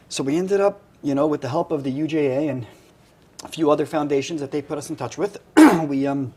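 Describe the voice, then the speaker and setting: A man's voice: on the high side, a little mellow. Earnest man speaking plainly, faint noise. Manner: earnest, plainspoken, many "you know"s. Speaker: charity CEO, guest. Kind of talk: casual talk-show chat. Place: restaurant.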